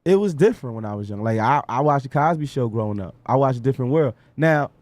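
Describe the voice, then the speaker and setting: A man's voice: medium pitch, expressive, fast talker, darkish tone, dry recording. A man in his twenties with a New York accent, chatting casually as an interview guest in a laid-back, drawling way. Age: 20s. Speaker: rapper guest.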